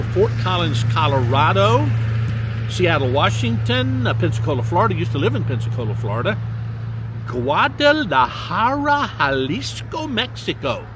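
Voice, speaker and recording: An older man from Mississippi reads out his viewers' locations in casual shout-outs by a lakefront, drawing out the place names sing-song style and tossing in chatty asides. His voice is high with a sharp tone, and there's a little hiss or hum.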